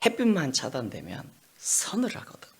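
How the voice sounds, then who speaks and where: A male pastor preaching a sermon in a dramatic storytelling manner, moving from hushed asides to loud bursts. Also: medium pitch, wildly swooping pitch, normal speed, breathy edge.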